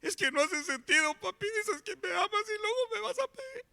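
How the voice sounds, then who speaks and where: A man voicing a small boy pleading with his father in a whiny, high voice. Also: lively intonation, a little fast, gravelly, pushed and bright, full character voice.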